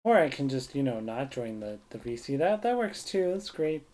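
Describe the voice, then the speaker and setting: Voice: mid-range voice, very animated, moderate pace, darkish tone. A streamer chatting casually during a game with a friend, laughing often, with a robotic distortion on the voice. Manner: chatty, laughs often, fusses over tech trouble. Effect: robotic voice-chat distortion. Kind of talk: casual gaming chat.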